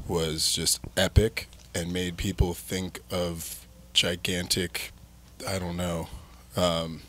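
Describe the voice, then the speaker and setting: A man in his thirties, a band frontman appearing as a guest, recounts his band's story in a casual chat, rambling candidly and leaning heavily on "like" and "um." His voice is low-pitched with a fairly bright tone, and there's a slight hiss or hum in the recording.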